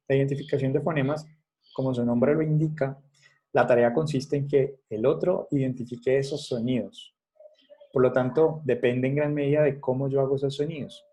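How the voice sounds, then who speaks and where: A man's voice: mid-range voice, mellow. A man lecturing students over a video call, explaining step by step and checking in often with short questions. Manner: explanatory, checks in with frequent "¿vale?" and "¿sí?". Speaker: instructor. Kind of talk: online class lecture.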